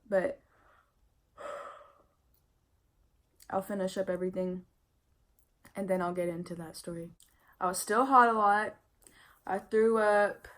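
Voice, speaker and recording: Young woman vlogger, pregnant and worn out, casual and candid, level monotone delivery. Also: mid-range voice. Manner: chatty and candid, lots of "like" and "I mean" fillers. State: pregnant and tired, yawning. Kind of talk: casual pregnancy update vlog.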